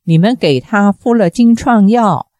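A woman voicing a short, stout male doctor who is cold and quick-tempered, answering in curt retorts in a slow, dark-toned storybook reading. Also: medium pitch, lively intonation, no room sound, lightly acted.

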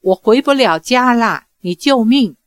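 A woman's voice: on the high side, expressive, unhurried, no echo, studio quality. A woman reading aloud voices a mischievous young man who whines and wails pleas while feigning helplessness. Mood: whining. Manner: whining and wailing pleas.

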